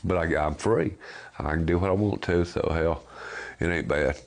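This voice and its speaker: A man's voice: sits low, normal speed, gravelly. A man, speaking bluntly in a documentary interview about his life after death row. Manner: plainspoken, blunt. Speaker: exonerated death row prisoner.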